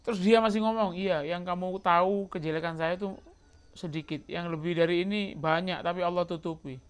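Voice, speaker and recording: A man's voice: sits high, steady tone, fairly quick, clean tone. A man giving a sermon, telling stories and acting out quoted dialogue as he teaches from a religious book. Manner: storytelling, acts out quoted dialogue, mixes in Javanese and Arabic. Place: religious study gathering.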